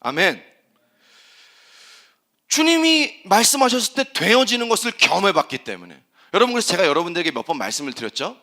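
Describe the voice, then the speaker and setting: Animated, high-voiced male pastor preaching. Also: brisk, long pauses. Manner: animated preaching, asks the congregation questions, acts out quoted prayers. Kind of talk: sermon. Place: church sanctuary.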